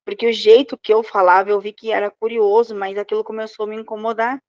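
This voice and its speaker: A woman's voice: mid-range voice, little pitch movement, quick pace, a little mellow, no echo. A woman with a Rio Grande do Sul border accent, chatting in a group and often searching for her words. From southern Brazilian border region. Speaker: therapy student. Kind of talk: group discussion. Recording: dull, dry lo-fi sound.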